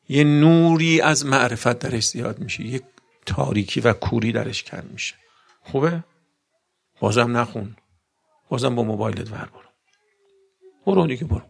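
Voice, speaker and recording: A man's voice: mid-range voice, gravelly, a bit bright. A man preaching a sermon to a gathering, mixing recited Arabic verses into plain talk and often putting questions to his listeners.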